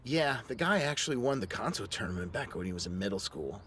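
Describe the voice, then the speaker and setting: A man voicing a timid, excitable teenage boy who stammers nervously, in an anime dub. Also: lowish voice, fast, a little hiss or hum. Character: timid, excitable teen boy, lone sumo club member.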